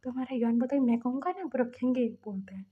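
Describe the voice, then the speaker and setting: A woman casually retelling a fan fiction story, chatty, jumping into the characters' lines with quick excited bursts and often dropping into a whisper. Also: a little high, husky, phone-quality sound. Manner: often drops to a whisper mid-narration.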